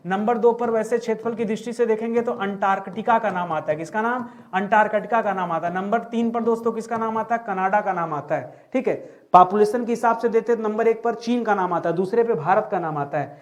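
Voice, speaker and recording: Male exam tutor, fairly high voice, quizzes and re-asks his listeners. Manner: repeats questions back, calls listeners "friends". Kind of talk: exam answer-key walkthrough.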